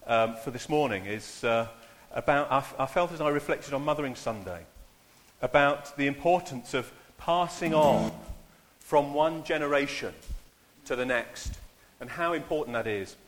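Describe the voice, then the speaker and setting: A man's voice: mid-range voice, lively intonation. Hesitant man preaching in a church hall. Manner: hesitant, halting with fillers and restarts. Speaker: minister. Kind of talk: informal sermon.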